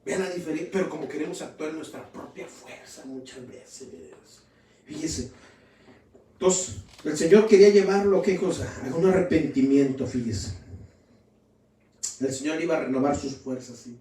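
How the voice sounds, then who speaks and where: A man's voice: on the high side, normal speed, mellow, a little hiss or hum. A man preaching a fervent sermon in a church, often calling his listeners brothers. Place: church hall. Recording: roomy, distant from the mic.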